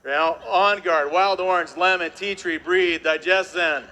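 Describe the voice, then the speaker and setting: Energetic and full of jokes, a man works a live audience from the stage, leaning on tag questions again and again. He speaks in a high pitch at a measured pace.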